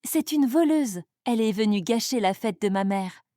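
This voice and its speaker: Woman doing a cowardly husband in a storybook, panicky and accusing, pitched up high, dry close sound. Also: animated, normal speed, no room sound, lightly acted. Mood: panicked accusing. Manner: hysterical, accusing shouts.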